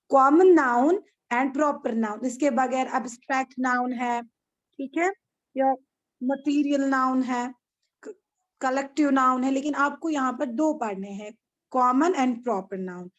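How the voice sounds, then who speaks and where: A woman's voice: high-pitched, normal speed, dull audio. A woman with an Indian accent teaching an online class over a video call, patient and repeating things, asking her pupils checking questions.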